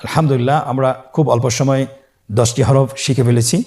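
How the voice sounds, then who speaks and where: The speaker is a man with a darkish, mid-range voice and fairly even intonation. He teaches Quran reading in a scripted, step-by-step lesson on Arabic letters, stretching each letter name into a sung form for listeners to repeat.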